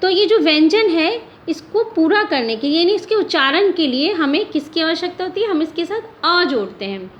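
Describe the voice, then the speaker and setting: A woman's voice: very high-pitched, animated, normal speed, hardly any pauses, fairly bright tone. A woman teaching a grammar lesson for children, patiently sounding out each letter aloud. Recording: slightly dull lo-fi audio with faint hiss.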